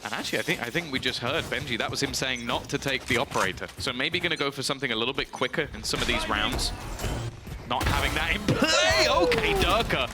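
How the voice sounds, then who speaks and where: A man's voice: medium pitch, quick pace, hardly any pauses, over loud music. A man working as an esports caster, giving live play-by-play and analysis of a match.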